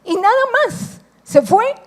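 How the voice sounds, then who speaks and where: Woman preacher, Costa Rican accent, high voice, emphatic repetition, sermon. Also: big pitch swings, takes it slowly. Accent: Costa Rican Spanish. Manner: emphatic, repeats phrases for effect.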